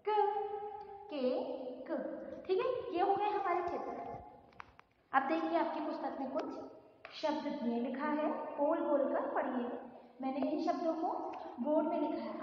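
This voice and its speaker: High-voiced teacher in an echoey room. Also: female voice, a little hiss or hum. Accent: Indian Hindi. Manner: slow syllable-by-syllable spelling, drilling pronunciation. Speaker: primary school teacher. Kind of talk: online class lesson. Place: classroom with a board. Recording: echoey distant room recording, dull sound.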